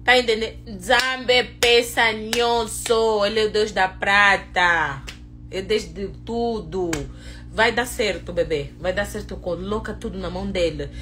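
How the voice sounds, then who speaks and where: A woman chatting casually on a livestream, excitable and preachy, swinging from low murmurs to loud encouragement. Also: unhurried, faint music behind. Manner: excitable, switches from murmuring to shouting. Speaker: vlogger.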